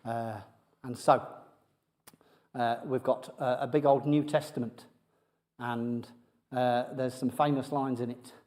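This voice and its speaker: A man giving a conversational sermon to a congregation, joking about himself and often pausing with fillers. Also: medium pitch, little pitch movement, darkish tone. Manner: humorous, self-deprecating, many fillers. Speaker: preacher. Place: church sanctuary with congregation.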